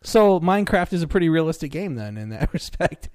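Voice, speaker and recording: A man's voice: a little high, very animated, brisk, a little mellow, studio quality. A man hosting a casual chat, laughing often and echoing guests' words back as questions. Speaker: host.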